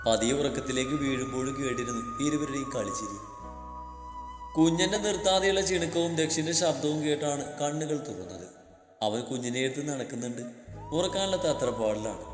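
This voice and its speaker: A male storyteller reads a romance at a calm, steady pace with a middle-pitched voice. The room adds a long, echoing reverb, and soft music plays underneath. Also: fairly quick. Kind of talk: scripted story narration.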